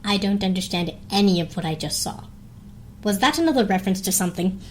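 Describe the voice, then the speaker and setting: A woman voicing a stern, earnest pony princess in a dramatic comic reading, speaking in a formal, measured manner. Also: medium pitch, animated, natural voice.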